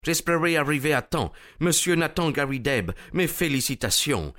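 A man voicing a pushy male American lawyer who talks in an insistent, hurried, persuasive way. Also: a little high, expressive, pushed and bright, voice pushed up.

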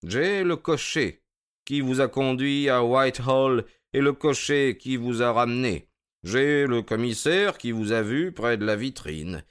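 The detective he plays is self-assured and dry, prodding at others calmly and methodically, radio-drama style. His medium-pitched voice sounds smooth and resonant, lightly acted, with a measured pace.

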